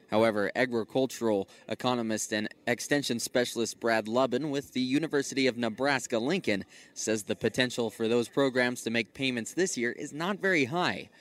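A man's voice: medium pitch, a bit bright. An American man reads a scripted radio farm report with news and market prices as a broadcast reporter. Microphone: close studio broadcast microphone.

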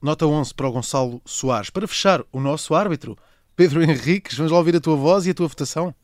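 Higher-voiced Portuguese male host, dry sound. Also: quick pace, no echo. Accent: European Portuguese. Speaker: contest show host. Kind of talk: lively show presenting.

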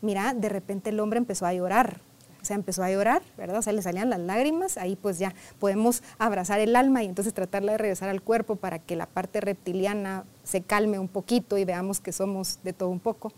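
A woman's voice: medium pitch, fairly quick, darkish tone. A woman therapist telling a client's story in a conversational interview, often adding "right?" and "I mean" and acting out dialogue from the session. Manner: conversational, peppered with "¿verdad?" and "o sea".

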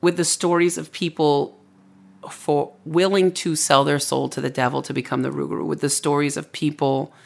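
A storyteller with a noticeably gravelly, fry-laden voice speaks as an interview guest. The delivery is casual and conversational, explaining lore in a reflective way. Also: mid-range voice, level tone, moderate pace.

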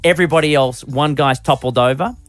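A man's voice: on the high side, fairly quick, no echo, faint music behind. An Australian man co-hosting a radio show, telling stories in a playful, theatrical way over casual banter. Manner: playful storyteller, animated and theatrical. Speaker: radio co-host.

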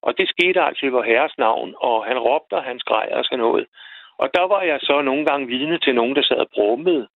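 A man calling in to a radio show, telling a personal story in a halting way, repeating words as he goes. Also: medium pitch, no room sound. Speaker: radio caller. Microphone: telephone. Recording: tinny phone line, dry.

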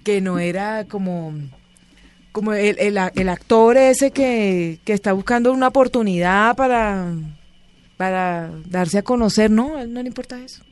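A woman, a guest in an interview, telling stories in a lively, chatty way and acting out the voices of the people she quotes. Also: medium pitch, moderate pace. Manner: animated storyteller, acts out quoted voices. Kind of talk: casual interview storytelling.

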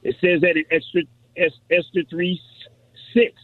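A man's voice: high voice, little pitch movement, normal speed, no echo. Man calling in over a tinny phone line. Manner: eager, repeats himself, cites scripture verses. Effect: telephone line. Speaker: pastor calling in to a radio show. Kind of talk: phone-in radio call.

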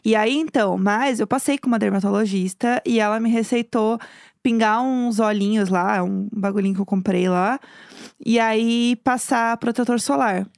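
A woman's voice: a little high, moderate pace, creaky, darkish tone, no echo, studio quality. A young woman with a São Paulo accent co-hosting a podcast, telling stories playfully with exaggerated intonation. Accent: São Paulo Brazilian Portuguese. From São Paulo, Brazil. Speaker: podcast co-host. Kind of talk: casual chat.

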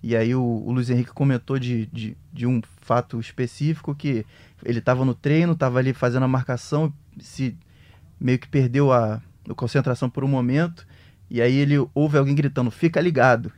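Hesitant reporter, dry sound. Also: male voice, mid-range voice, steady tone, a little mellow, dry recording. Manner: measured, hesitant, many restarts. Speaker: club beat reporter. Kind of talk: casual sports discussion.

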